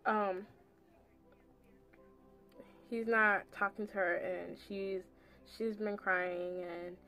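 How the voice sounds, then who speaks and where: In a pushed, bright mid-range voice with fairly even intonation, a young adult woman draws out her words while telling a rambling storytime during her makeup routine. She uses slang and "like" a lot. Music plays in the background of the small indoor room.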